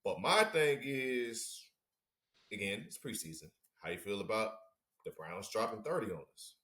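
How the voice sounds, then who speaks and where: A man co-hosting a casual sports chat, laid-back, swinging between hyped bursts and low mumbles. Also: animated, moderate pace. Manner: hyped, sarcastic, bursts loud then drops low. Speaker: co-host. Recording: roomy echo.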